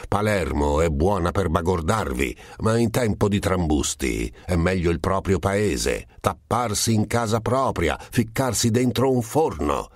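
A man voicing a choleric middle-aged monk who shouts and sputters insults, read as an audiobook character. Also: low voice, animated, a little slow, hardly any pauses, dry recording, studio quality. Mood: scornful ranting.

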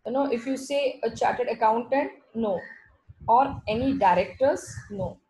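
A woman's voice: a little high, creaky, rough recording. A woman with a South Indian accent teaching an online class over a video call, explaining by repeating and rephrasing her points. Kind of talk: slide lecture with repeated check words.

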